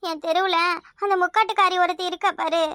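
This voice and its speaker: A fretful young daughter, voiced by a woman, in a village cartoon, whining and complaining in a Kanyakumari Tamil accent. Her voice sits very high and bright. It is recorded close and dry, with no room sound. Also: fairly even intonation, fast, no room sound. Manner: whiny, fearful complaining. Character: anxious young pregnant daughter, timid and fretful.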